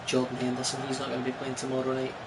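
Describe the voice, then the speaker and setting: A man with a broad Scottish accent talks casually as he plays a football game live. His pitch is average, and he is chatty and quick to exclaim for his side. Game noise sits clearly behind his voice. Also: monotone. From Scotland. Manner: chatty, exclamatory partisan reactions to play. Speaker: gaming streamer. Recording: noisy stream with game sound behind. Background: football video game crowd and commentary.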